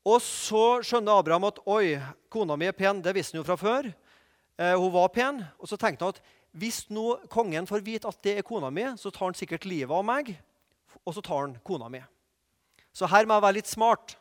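A man preaching a sermon, telling the stories in a lively way with asides and questions to the listeners. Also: high-pitched, long reverb tail.

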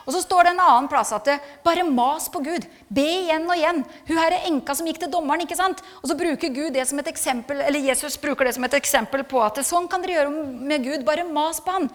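A woman's voice: sits high, few pauses. A middle-aged woman giving an earnest, reflective personal testimony in a sermon, hesitating with fillers, then building to emphatic passages. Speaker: speaker giving a church testimony. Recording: long hall reverb.

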